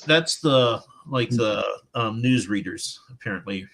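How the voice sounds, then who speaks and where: Male author guest, medium pitch, storyteller who acts out the quotes. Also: measured pace. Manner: animated anecdote-telling, acting out quotes. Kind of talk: casual interview storytelling.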